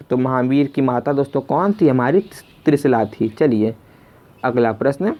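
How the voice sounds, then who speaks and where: Speaking in a slightly high voice with a darkish tone, a quiz teacher and video host runs through an exam lesson, saying every question a second time before answering it. The voice recording sounds dull and lo-fi.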